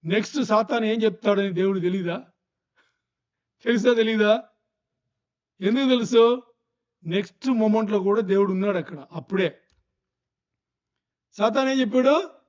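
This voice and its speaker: A man's voice: sits high, normal speed, long pauses, a little mellow, dull audio. A male pastor preaching a sermon, firing rhetorical questions at the congregation.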